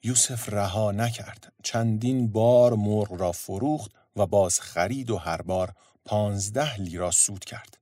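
A man narrating a story in a steady, measured storytelling voice. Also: fairly low pitch, no room sound, clean studio sound.

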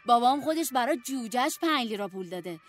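A woman's voice: fairly high pitch, animated. A woman voicing a cunning poor boy who bargains hard over a chicken and will not give in. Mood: stubborn bargaining. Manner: stubborn, bargaining, threatening.

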